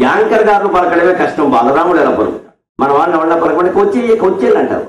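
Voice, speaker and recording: High-voiced man giving an echoey devotional discourse. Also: a little hiss or hum. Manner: animated storytelling, mixes explanation with slow chanted verse. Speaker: spiritual discourse speaker. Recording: echoey, distant, dull lo-fi sound.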